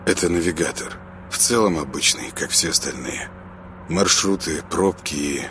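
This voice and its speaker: A man's voice: rumbling low, expressive, moderate pace, background noise. A man voicing a weary, subdued young man who mutters reluctantly, in an audiobook. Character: weary, gloomy young man just out of hospital.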